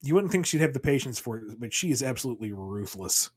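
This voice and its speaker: A man's voice: medium pitch, lively intonation, quick pace, slightly rough. A man in casual podcast chat, playfully riffing on comic scenarios as a co-host.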